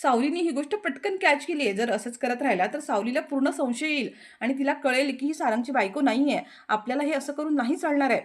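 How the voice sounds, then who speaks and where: A woman's voice: high-pitched, fast. A young woman telling a TV serial's story as a chatty voice-over recap, talking to listeners like friends.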